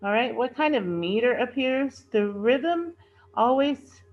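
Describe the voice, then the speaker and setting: A woman's voice: fairly high pitch, lively intonation, takes it slowly, lo-fi sound. A woman teacher giving a recorded workbook lesson to students, patiently repeating and rephrasing key terms, and reading a poem aloud with stress on the line endings.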